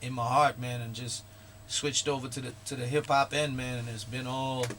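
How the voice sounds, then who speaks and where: A man from Guyana, a guest artist talking casually in a radio interview, laid-back and quick to laugh. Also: medium pitch, steady tone, fairly bright tone, slight background noise. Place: radio studio.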